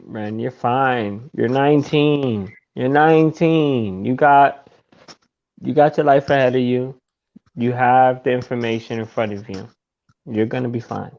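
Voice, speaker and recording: A man talking casually as a podcast guest, animated, jumping into high voices to act out his own thoughts. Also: a little slow, creaky. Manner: animated, acts out his own inner voice in high squeaky tones. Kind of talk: casual conversation. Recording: dull lo-fi audio.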